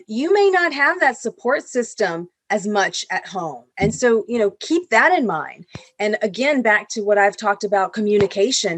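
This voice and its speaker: A woman's voice: medium pitch, no echo. A woman from Venezuela, a corporate executive, explaining her points earnestly on a video call panel discussion. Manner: earnest and explanatory, with small restarts.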